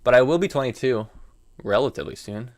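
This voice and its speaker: This fast-talking guy has a medium-pitched voice with lively intonation. He's an American in his early twenties providing live commentary as he plays chess on stream, casually musing over his moves and responding to chat.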